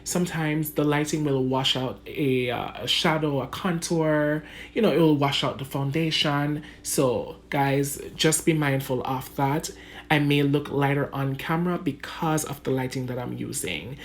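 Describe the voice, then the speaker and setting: Speaking directly to viewers she calls "guys," this Jamaican-accented woman walks through a makeup tutorial in a home room under bright lights, chatty and quick to laugh. She's a beauty vlogger with an extremely low, steady voice and a measured pace.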